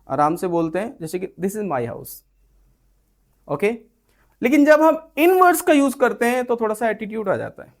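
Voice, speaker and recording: A man with an Indian English accent teaches a spoken English lesson. His voice sits slightly high, and he keeps checking in with "theek hai" while acting out everyday example lines. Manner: explains with acted example lines and frequent "ठीक है".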